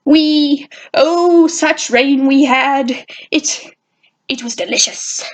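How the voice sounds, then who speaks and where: A woman's voice: high-pitched, takes it slowly. A woman voicing an arrogant male alien invader who sneers and stammers, in a fan fiction audio reading. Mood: nervous.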